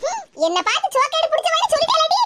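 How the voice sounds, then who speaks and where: Woman voicing a cranky old cartoon mother, squeaky high voice, Tirunelveli Tamil accent, scolding and boastful. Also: animated, noisy background. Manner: scolding, boastful, quick to take offense.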